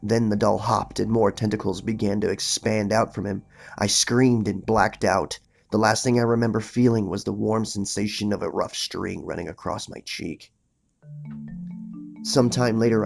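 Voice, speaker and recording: A man who narrates horror stories and hosts a channel reads a creepypasta aloud in a dramatic, suspenseful storytelling manner, then gives a casual recap. His voice is fairly low and creaky.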